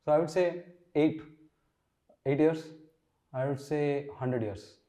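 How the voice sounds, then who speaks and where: A man's voice: fairly high pitch, slow pace, dark tone. A man, a runner being interviewed, answering hesitantly and repeating words as he starts his thoughts. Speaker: guest, runner.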